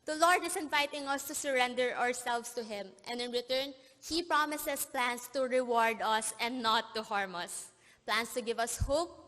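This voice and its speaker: Bright young woman speaking in a hall. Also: high voice. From born in Korea, raised in the Philippines. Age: young adult. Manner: earnest, emotional, pausing and apologizing as she chokes up. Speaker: graduation speaker. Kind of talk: commencement speech. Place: large convention plenary hall. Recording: long hall reverb.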